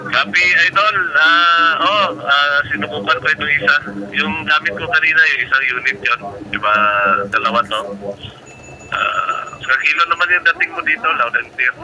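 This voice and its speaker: A man's voice: fairly high pitch, moderate pace, muffled recording, a crowd in the background. A man talking over a two-way radio during a station-to-station chat, using procedure words and hesitant fillers. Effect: heard over a two-way radio. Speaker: radio operator on a distant station.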